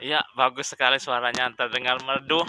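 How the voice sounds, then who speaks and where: A man with a bright, crisp voice interviews a guest and keeps the talk going with friendly prompts. His pitch sits in a middle range. Faint noise runs under the recording. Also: little pitch movement, a little fast.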